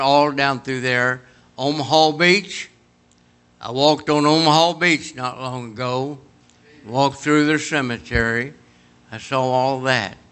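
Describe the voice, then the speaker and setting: A Kentucky man in his late eighties, with a smooth, mid-range voice and a Kentucky accent, preaches a homespun sermon packed with personal stories. His delivery is lively, chatty and full of storytelling.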